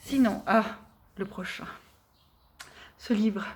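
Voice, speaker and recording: A woman's voice: mid-range voice, slow, slightly rough. Chatty young woman gushing about books. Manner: chatty, rambling, many fillers and restarts; enthusiastic, gushing. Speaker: book vlogger. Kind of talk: casual chat.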